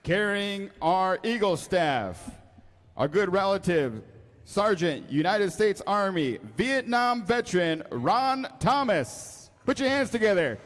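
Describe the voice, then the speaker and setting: A man working as a powwow emcee, announcing ceremonially to a live gathering, with drawn-out introductions and calls to the crowd. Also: high-pitched, very animated, fairly bright tone. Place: large echoey indoor school venue. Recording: echoey hall PA with music.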